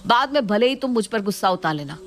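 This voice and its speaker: A woman voicing a young husband who keeps calming his wife, in a soothing, coaxing way. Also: mid-range voice, fast, lightly acted. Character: young husband, calm peacemaker son.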